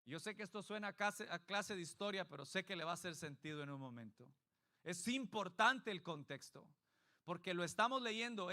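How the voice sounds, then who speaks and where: Male pastor, sermon delivery, high bright tone, emphatic, questions the congregation.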